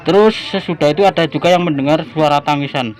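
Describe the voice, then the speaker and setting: A man's voice: a little high, fast, soft background music, low-quality recording. A man giving a folksy, repetitive on-location report to his viewers, recorded outdoors in a village neighborhood. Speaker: vlogger reporting on site.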